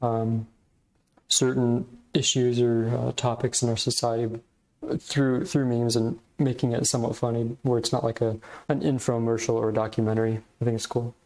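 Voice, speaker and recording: A man's voice: medium pitch, little pitch movement, moderate pace, darkish tone, poor audio. A man hosting a podcast, giving casual, reflective commentary in hesitant, meandering phrasing. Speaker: podcast host.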